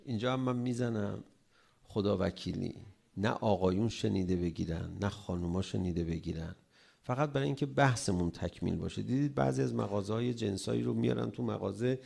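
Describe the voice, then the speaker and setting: Middle-aged guy preaching about marriage, gravelly voice, acts out fights loud and animated. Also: lowish voice. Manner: animated, acts out quarrels in a raised voice. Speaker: cleric giving a religious talk on marriage. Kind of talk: sermon.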